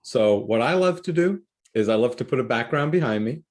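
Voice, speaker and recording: Guy running a zoom workshop, upbeat, chatty, explaining stuff, mid pitch. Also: expressive, fairly quick, darkish tone. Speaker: workshop host. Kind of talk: casual instructional talk. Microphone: video call.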